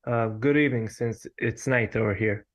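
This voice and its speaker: A man's voice: lowish voice, moderate pace. A man from Serbia calling a live show, speaking in a hesitant, detailed way with many fillers. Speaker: caller.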